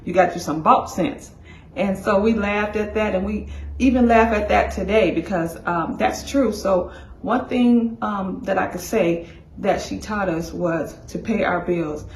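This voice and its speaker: A woman delivers a personal memorial tribute as a daughter, her speech hesitant and filled with ums and uhs. Her voice sits at an ordinary middle pitch. The recording has a noticeable roomy echo. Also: fairly even intonation, unhurried, darkish tone, slight background noise.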